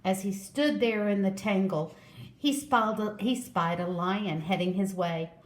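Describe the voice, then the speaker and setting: A woman reading a children's story aloud in a slow, expressive way. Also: medium pitch. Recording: echoey room.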